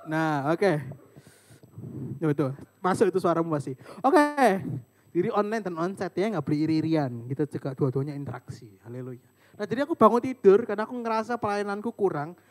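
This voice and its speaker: A man's voice: sits high, fairly quick. A young man telling a funny personal story in a casual sermon, joking with his listeners and acting out family members' voices. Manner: animated, joking with the audience, mimics family voices. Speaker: preacher. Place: church service room.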